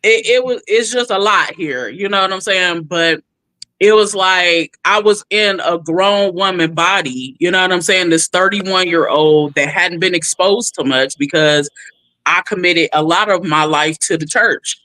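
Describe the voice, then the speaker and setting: A woman's voice: lowish voice, measured pace, no room sound. A woman in her thirties from California, telling her story candidly in an interview and acting out quotes. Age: 30s. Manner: expressive, animated, acts out quotes. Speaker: guest.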